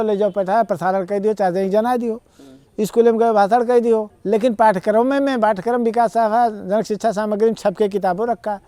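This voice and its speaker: A man's voice: high voice, mellow, dry recording. A man with an Awadhi accent, a guest in a TV interview, arguing his points earnestly in long rambling explanations. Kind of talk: conversational interview.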